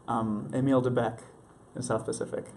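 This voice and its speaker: A man's voice: mid-range voice, flat delivery, a little fast, a little mellow, slight background noise. Young guy from mexico chatting about his work, eager and earnest, laughs easy. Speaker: Broadway actor, interview guest. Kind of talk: casual interview chat.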